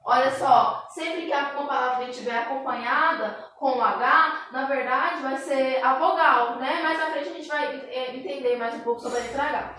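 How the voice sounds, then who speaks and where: A woman teacher giving a patient online grammar lesson, spelling out sounds and words slowly and checking in with tag questions. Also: high voice, pushed and bright. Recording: echoey room, distant mic, faint hiss.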